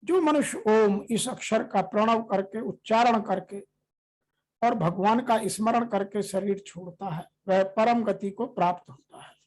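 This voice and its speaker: Slow, measured scripture teacher. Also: mid-range voice, poor audio. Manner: slow, measured verse reading, then steady explaining. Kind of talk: scripture commentary.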